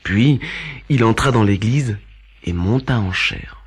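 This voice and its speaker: A man narrating a children's story in an expressive, animated reading. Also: fairly low pitch, slow pace, breathy edge. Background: faint background music.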